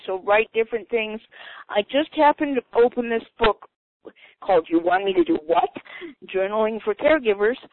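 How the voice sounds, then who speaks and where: A woman author talks through her journaling book in a chatty, unhurried way, thinking aloud as she goes. She comes through a thin, tinny phone line with noise hissing under her voice. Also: on the high side. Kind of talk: casual talk on a phone call. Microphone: telephone.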